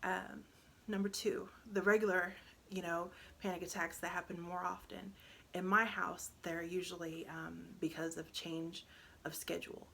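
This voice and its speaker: A woman talks casually to the camera about parenting. Her voice sits low with a gravelly fry, earnest and lively when retelling. A faint hiss runs behind her. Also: normal speed. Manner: earnest, animated when retelling, drops to a hush when describing the panic. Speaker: parent sharing advice.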